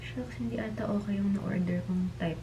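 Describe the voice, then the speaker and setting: A woman's voice: mid-range voice, fairly even intonation, brisk, lo-fi sound, noisy background. A young woman with a Filipino accent, chatting casually to her viewers from a hotel room and slipping Tagalog words into her English. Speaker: travel vlogger. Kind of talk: casual vlog chat. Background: background music.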